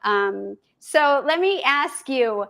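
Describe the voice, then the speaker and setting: A woman's voice: sits high, lively intonation, slow, gravelly, pushed and bright. A woman hosting an interview, encouraging her guest and asking questions with some hesitation. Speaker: host. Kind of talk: casual interview chat.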